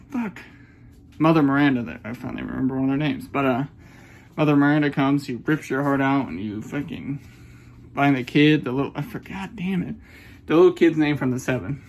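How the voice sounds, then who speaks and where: A man's voice: mid-range voice, creaky. A man in his twenties giving a casual, rambling game review, swearing often and apologizing when he loses his train of thought. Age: 20s. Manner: rambling, profane, self-conscious.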